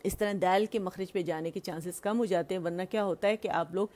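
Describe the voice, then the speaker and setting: A woman's voice: fairly low pitch, fairly even intonation, a little mellow. A woman teaching Quran recitation. She patiently explains and demonstrates each sound, drilling syllables one by one. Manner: slow, patient, demonstrates sounds and has listeners repeat. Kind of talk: tajweed lesson with drilled syllables.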